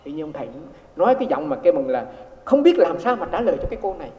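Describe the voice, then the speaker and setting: Racing along with wide swings in pitch, this man's voice sits on the high side. A Buddhist monk, he tells a story as part of a dharma talk, repeating words and performing the dialogue he quotes. The sound is dull and lo-fi, captured in a hall full of echo.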